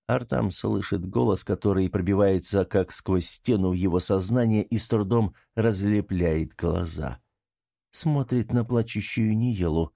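A man narrating an audiobook in a calm, steady way. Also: fairly low pitch, a little slow, vocal fry.

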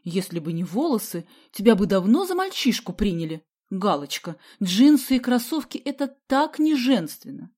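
A woman's voice: mid-range voice, sing-song, normal speed, few pauses, darkish tone. A woman voicing a fussy, prim governess who scolds her charge. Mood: scolding.

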